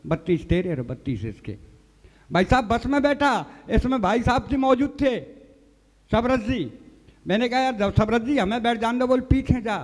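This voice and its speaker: In a large hall, a man with a high-pitched voice takes the stage at a live poets' gathering as a comic poet. He recites humorous poems and stories, dramatizes the dialogue, and calls the audience "sahab".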